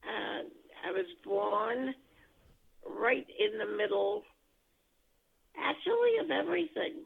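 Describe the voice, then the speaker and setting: An older grandmother heard over a speakerphone line, talking slowly and haltingly as she searches for words. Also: high voice, big pitch swings, vocal fry, slightly rough. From United States. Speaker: grandmother being interviewed. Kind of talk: family oral history interview. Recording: tinny phone line.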